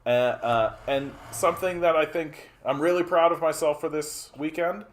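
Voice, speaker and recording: A Canadian man in his 40s hosts a livestream and chats casually, his voice a little high and steady at a moderate pace over slight background noise. He rambles and repeats phrases, packs in lots of "uh"s and other fillers, and keeps saying hi to viewers by name.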